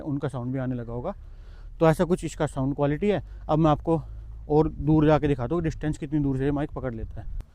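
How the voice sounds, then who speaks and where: In a slightly high, somewhat mellow voice, a man casually reviews wireless mics on a clip-on mic. He keeps it chatty, explaining every step as he handles the gear.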